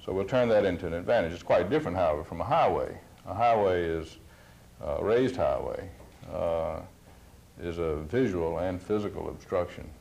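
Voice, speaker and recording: Middle-aged architect guy, very low voice, explains stuff plainly. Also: moderate pace, vocal fry, darkish tone. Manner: explanatory, plain-spoken, with fillers. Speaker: convention center architect. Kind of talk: panel discussion. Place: TV studio.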